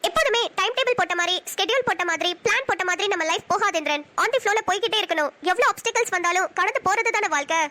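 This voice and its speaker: A woman voicing a teasing, emotional young wife in a cartoon, quick and sarcastic. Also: very high-pitched, expressive, bright, forceful tone, exaggerated voice. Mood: earnest, persuading. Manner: sarcastic, quick, prone to sobbing. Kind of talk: cartoon voice acting.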